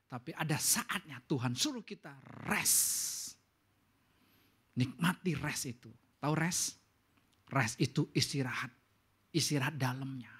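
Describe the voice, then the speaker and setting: A man preaching a church sermon in an animated way, his pitch climbing for emphasis and English words mixed into his speech. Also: normal speed, breathy edge. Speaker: pastor. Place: church service.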